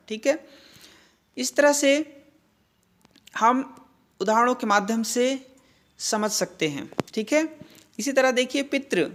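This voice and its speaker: A woman gives a grammar lesson at a steady, deliberate pace. She sounds out each piece slowly, poses questions and answers them herself. She often checks in with her students. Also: medium pitch. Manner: asks and answers her own questions, frequent "theek hai" and "hai na" check-ins; slow, deliberate spelling-out of sounds. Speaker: Hindi grammar teacher. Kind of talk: classroom-style grammar lesson.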